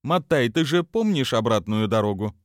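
A male reader voicing a sharp, scheming young woman in a dry, close audiobook recording. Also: expressive, normal speed, no room sound, natural voice. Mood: decisive. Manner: higher, lighter put-on voice, faking a choked wheeze on the call.

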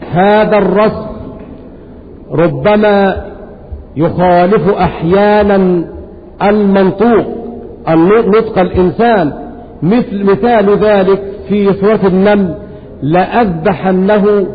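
A man giving a religious lesson on correct Quran reading, speaking slowly and deliberately and stretching out each example word. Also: high-pitched. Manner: slow, deliberate, drawing out examples. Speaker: Quran recitation teacher. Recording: tinny lo-fi audio with long reverb.

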